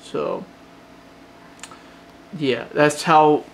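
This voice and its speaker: A man with a gentle Southern drawl from Georgia, speaking a little high for a man. He rambles through a casual late-night update, restarting sentences and leaning on fillers, sounding tired. Faint noise sits behind his voice. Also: lively intonation, extremely slow, gravelly. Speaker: hobbyist phone modder.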